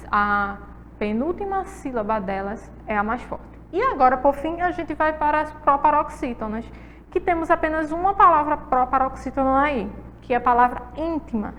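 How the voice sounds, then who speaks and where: A woman teacher with a Brazilian Portuguese accent gives a lesson to a class, drawing out words slowly when she stresses them and asking the pupils questions. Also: high voice, a bit bright, a little hiss or hum. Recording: long hall reverb.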